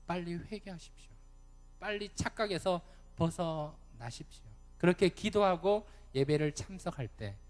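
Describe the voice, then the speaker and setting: A man with a Gyeongsang accent preaching a sermon as a youth pastor, talking straight to the congregation and acting out people's thoughts. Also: medium pitch. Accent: Gyeongsang Korean. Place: church sanctuary. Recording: long church reverb, faint music behind.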